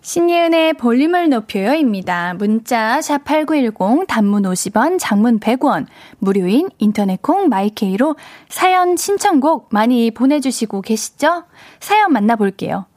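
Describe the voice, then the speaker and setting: Chatty female radio DJ, bright higher voice. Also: very animated, moderate pace, few pauses, no room sound, studio quality. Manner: chatty, addresses listeners directly. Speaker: radio DJ host. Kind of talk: casual radio chat reading listener messages. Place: radio studio. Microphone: studio microphone.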